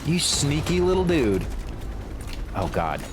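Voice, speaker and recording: A man's voice: on the high side, big pitch swings, slow pace, noisy background. A man streaming a shooter game, talking through it in exasperated, grumbling asides. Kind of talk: gameplay commentary. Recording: loud game music and gunfire behind.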